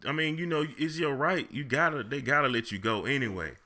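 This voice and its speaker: A man with a Texas accent, co-hosting a podcast in a relaxed, slangy chat and telling long stories. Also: mid-range voice. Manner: laid-back slang, drawn-out storytelling. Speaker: podcast co-host. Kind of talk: casual chat.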